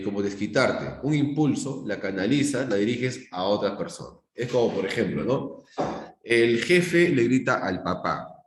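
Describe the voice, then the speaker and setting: This psychology teacher, a middle-aged Peruvian man with a low voice and Peruvian Spanish accent, lectures live online with examples. He often asks the class "¿se dan cuenta?" while the room's echo lingers around him.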